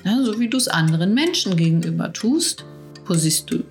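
A middle-aged woman speaking as a coach in a reflective monologue, talking softly and intimately and addressing the listener directly. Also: fairly low pitch, expressive, a little fast, vocal fry, soft background music.

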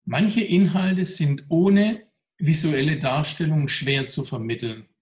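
A man's voice: on the high side, takes it slowly, a little mellow. A man, a coach and workshop speaker, answering interview questions reflectively, his voice pressed and tense. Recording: roomy echo.

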